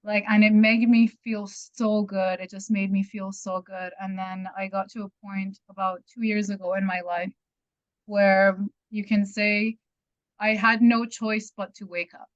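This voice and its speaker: A woman in her thirties, originally from Iran, shares her story candidly and with emphasis. Her pitch stays narrow and flat, and the audio sounds dull and completely dry. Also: a little slow, no echo. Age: 30s. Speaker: participant sharing her story.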